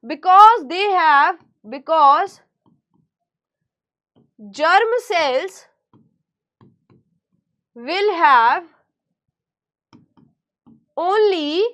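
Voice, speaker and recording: Leading an online class lecture, a woman teacher with a strikingly high, fairly bright voice speaks slowly and deliberately on her own terms. She repeats each question and answers it herself in a coaxing tone.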